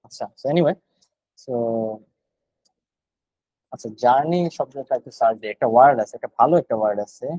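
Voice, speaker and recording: A man's voice: mid-range voice, a little fast, pauses often, warm tone, slightly rough, no room sound, low-quality recording. A man with a Bangladeshi accent teaching GRE vocabulary online, explaining words one at a time and thinking aloud.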